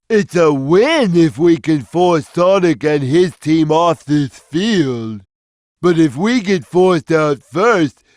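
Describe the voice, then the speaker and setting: Game role: big gentle simple cat, earnest, swinging widely in pitch, dry close recording. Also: male voice, dry recording, exaggerated voice. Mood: easygoing, advising. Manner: slow, simple, earnest delivery. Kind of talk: video game character lines.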